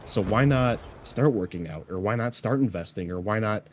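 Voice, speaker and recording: A YouTuber in his mid-twenties talks to camera in a low, deep voice that sounds a bit congested from a cold. He's expressive and speaks at a normal speed, rambling earnestly and reflectively with frequent "you know" fillers. There's a little hiss or hum in the recording.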